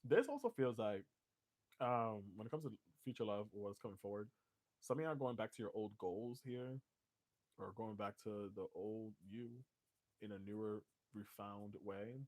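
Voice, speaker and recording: A man's voice: fairly low pitch, moderate pace, darkish tone. Joking, loose-talking man reading tarot. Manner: loose, joking, swears, laughs often. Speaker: tarot reader.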